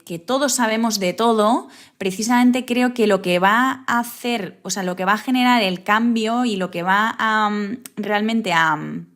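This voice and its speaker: A woman's voice: mid-range voice, fairly bright tone. Thoughtful woman talking in an interview. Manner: thoughtful, restarts phrases, frequent tag questions. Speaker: guest photographer. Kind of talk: reflective interview talk.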